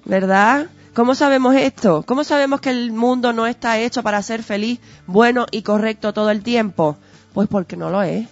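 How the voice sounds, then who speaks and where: A woman's voice: a little high, moderate pace. An earnest woman talks as a guest, steering her points with rhetorical questions like a patient teacher. Her voice is muffled and lo-fi, and faint music sits underneath. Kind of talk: conversational explanatory talk. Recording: dull lo-fi audio with faint music.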